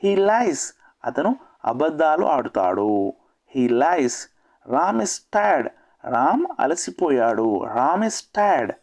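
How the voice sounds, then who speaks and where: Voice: medium pitch, sing-song, extremely slow, darkish tone. A teacher with a Telugu accent giving a spoken English lesson, saying each short English phrase, translating it, and repeating it.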